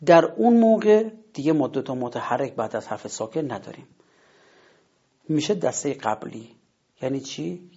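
Man, husky voice, patient step-by-step lesson, demonstrates words, muffled lo-fi sound. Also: mid-range voice, a little mellow. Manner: patient, explains step by step and models pronunciations. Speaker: Quran recitation teacher. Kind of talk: spoken lesson on word stress. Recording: dull lo-fi recording.

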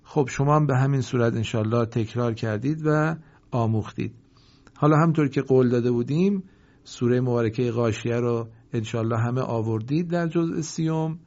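A man teaching Quran reading in a recorded lesson, with a mid-pitched voice. He chants each example word slowly and melodically, then explains in brisk asides. The recording sounds dull and lo-fi. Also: darkish tone. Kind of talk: recorded reading lesson with repeat-after-me drills.

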